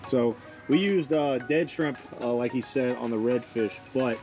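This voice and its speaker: A man in casual chat on a small fishing boat outdoors, explaining in a relaxed, drawling way with fillers. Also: medium pitch, a little slow, soft background music.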